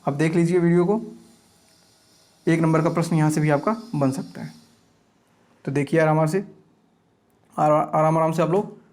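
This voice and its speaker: The speaker is a male teacher with a fairly high voice giving an exam-focused grammar lecture. He moves through example words in even lists and repeatedly stops to check comprehension.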